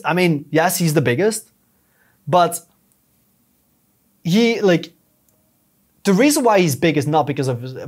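Male podcast guest, a touch high-pitched, earnest explainer with frequent restarts. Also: a little mellow. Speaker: podcast guest, YouTube strategist. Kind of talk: casual conversational interview.

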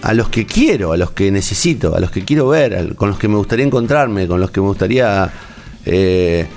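A man's voice: lowish voice, lively intonation, a little fast, darkish tone, soft background music. A man with an Argentine Spanish accent, talking in a casual, rambling, emotional way as a host, with many restarts. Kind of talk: casual on-air chat.

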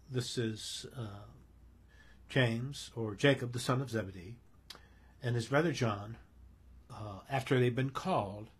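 A man's voice: mid-range voice, slightly rough. A man preaching a sermon, explaining a Bible passage and often restating his words to clarify them. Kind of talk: sermon, expository Bible teaching.

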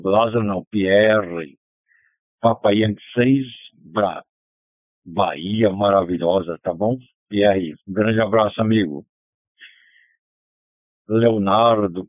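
A man running a ham radio net over a two-way radio, chatting in a relaxed way and passing turns with phonetic call signs. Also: fairly low pitch, dry recording. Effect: heard over a two-way radio. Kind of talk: casual radio net chat. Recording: narrow dry radio transmission.

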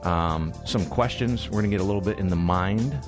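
Low-voiced man hosting a business show. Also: a little fast, music in the background. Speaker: radio business show host. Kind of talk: conversational interview hosting.

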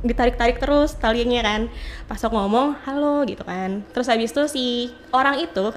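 A young adult woman telling a ghost story in casual chat, animated, acting out the quotes with lots of fillers. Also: on the high side, fairly quick, slight background noise. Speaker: guest storyteller.

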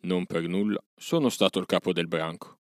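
A man's voice: deep voice, moderate pace, no room sound, studio quality, lightly acted. A man voicing a proud old wolf, a former pack leader, with a growling, self-satisfied manner.

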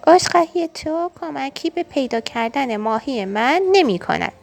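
A woman's voice: high voice, animated, gravelly, soft background music, pitched above the performer's own voice. A woman voicing a young boy turtle in a storybook reading, in a raised childlike voice. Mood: sulky. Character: young boy turtle, sulky then glad.

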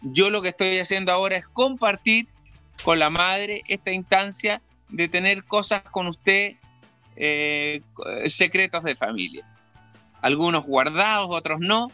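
Man, radio host, very bright voice, high pitch, dry close sound, talkative. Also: normal speed, no room sound, faint music behind. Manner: talkative, lecturing, teasing. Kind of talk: casual radio chat. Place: radio studio.

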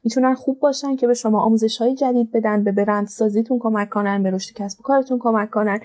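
A woman's voice: on the high side, steady tone, a little mellow. A woman speaking as a personal development coach on a motivational podcast, urging listeners directly and repeating her points.

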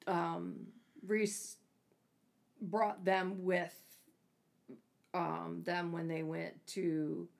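A woman's voice: lowish voice, level tone, very slow, gravelly, long pauses. A woman co-hosting a casual book discussion, talking hesitantly and trailing off with fillers. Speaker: book podcast co-host.

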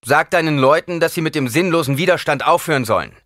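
A man's voice: on the high side, quick pace, a bit bright, dry recording, clean studio sound, pitched above the performer's own voice, close to an everyday voice. A man doing a commanding young leader. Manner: firm, commanding. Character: young male desert leader, calm and commanding.

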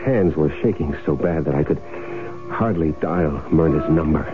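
In an old-time radio drama, a man with a low voice plays a crooked, greedy, impatient crook hiding out after faking his death, narrating in first person. At a moderate pace he sounds scheming and eager, hard-boiled, bossy, and slangy. The broadcast is muffled and narrow-band, with music.

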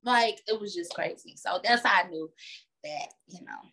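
A woman's voice: lowish voice, normal speed, sharp tone, a little hiss or hum. A woman chatting casually, loose and slangy, full of "like". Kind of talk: casual chat.

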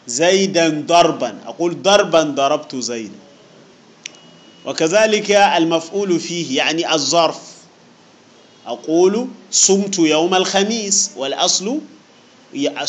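Patient man teaching grammar to a class, slightly high voice. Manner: explains patiently with worked examples, repeats points, checks understanding. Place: teaching room with students present.

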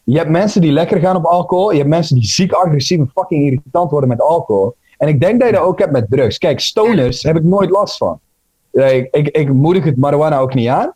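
A man talks bluntly in a slangy, casual way during a group chat. His voice is husky and a little higher than most men's, recorded dry. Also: mellow, dry recording, poor audio. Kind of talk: casual panel discussion.

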